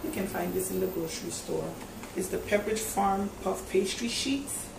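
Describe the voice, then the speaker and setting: Speaking at normal speed in a medium voice with vocal fry, a woman hosts a casual home cooking demo, talking through every step. The recording comes from a distant camera mic in an echoey kitchen with background noise.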